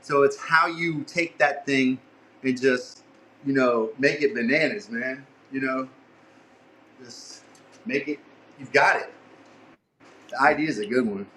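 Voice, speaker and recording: A man's voice: medium pitch, measured pace, long pauses, sharp tone, roomy sound, slight background noise, poor audio. A man who is a guest on a casual podcast, talking in a laid-back, rambling way with lots of "you know" and "man.".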